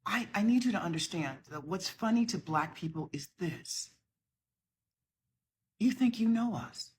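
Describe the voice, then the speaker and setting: Husky-voiced woman in an impassioned rebuttal. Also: mid-range voice, animated, a little slow, darkish tone. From southern United States. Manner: impassioned, emphatic, lecturing. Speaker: social media creator. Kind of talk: talking to camera, responding to a video.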